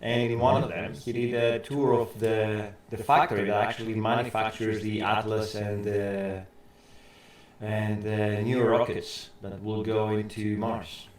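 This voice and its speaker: A man's voice: lowish voice, little pitch movement, a little slow. A man co-hosting a casual talk show. His voice sounds hollow and boxed in, as if he is talking through a tube, and he explains things in a chatty way with frequent restarts. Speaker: co-host. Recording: very echoey, distant mic.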